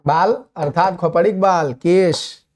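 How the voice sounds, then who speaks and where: High-voiced, emphatic male Hindi teacher. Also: unhurried, a little mellow. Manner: emphatic, repeats key words, asks rhetorical questions. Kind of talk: exam-prep lesson.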